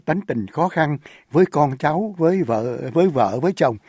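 A man's voice: a little high, lively intonation, normal speed, darkish tone, husky, no room sound, studio quality. A man hosting a radio interview, polite and deferential, with frequent fillers. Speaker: radio host.

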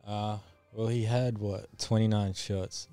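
A man's voice: on the low side, fairly even intonation, unhurried, warm tone, smooth, soft background music. A man on a casual basketball podcast, giving hesitant analysis full of fillers. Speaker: podcast co-host.

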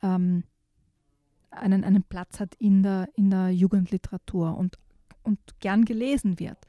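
A woman's voice: mid-range voice, fairly even intonation, measured pace, no echo, dull audio. A woman talking about youth novels on a radio show, thoughtful and conversational with some restarts. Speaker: book reviewer on a radio show. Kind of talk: conversational book discussion with read-aloud excerpt.

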